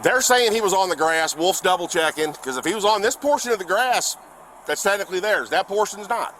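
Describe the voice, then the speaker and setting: A man with a fairly high voice speaks quickly, his pitch swinging up and down as he explains things in a rush. He is a police officer recorded outdoors on a street by a body camera. There is a faint hum of traffic behind him. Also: expressive, fairly bright tone, rough recording. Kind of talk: on-duty conversation on body cam.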